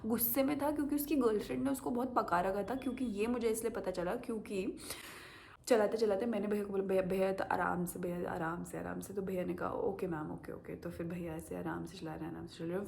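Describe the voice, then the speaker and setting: A woman's voice: mid-range voice, fast talker, gravelly. A young woman telling a story casually to camera as a vlogger, acting out the voices of the people in it. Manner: animated, acts out quoted voices.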